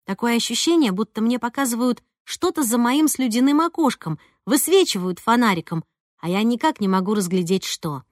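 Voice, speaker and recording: A woman narrating a first-person audiobook in an expressive, lively way. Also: on the high side, moderate pace, dry recording, clean studio sound. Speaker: audiobook reader.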